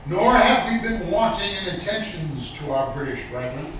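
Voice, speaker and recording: A man giving a formal public recitation of a historical declaration in a lofty, stately manner with deliberate pauses. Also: high voice, animated, fairly bright tone. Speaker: public reader at a commemorative event. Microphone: distant microphone. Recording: distant, very echoey, some background noise.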